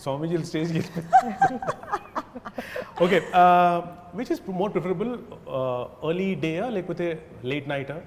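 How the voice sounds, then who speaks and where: A man hosting an interview, asking quick rapid-fire questions in a playful, teasing way. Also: high-pitched, sing-song. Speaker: interview host. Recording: roomy reverb, faint background noise.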